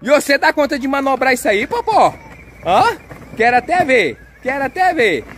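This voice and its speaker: Excitable playful father. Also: extremely high pitch, moderate pace, slight background noise. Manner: excitable, coaxing, cheers and exclaims often. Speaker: father filming his kids at play. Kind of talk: playful family vlog narration. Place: outdoors on a street and yard.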